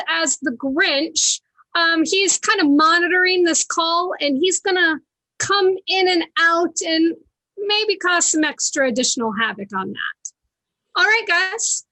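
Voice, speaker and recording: A woman's voice: extremely high pitch, measured pace, sharp tone, no room sound, low-quality recording. A woman casually hosting a live improv comedy show and introducing games.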